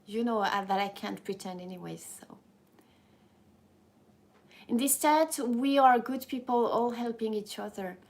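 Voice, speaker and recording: This YouTuber, a woman in her thirties with a French accent, reads viewer comments during a relaxed live stream. She speaks in a fairly high, creaky voice, unhurried and full of pauses, wandering off topic, restarting often, being candid and quick to laugh.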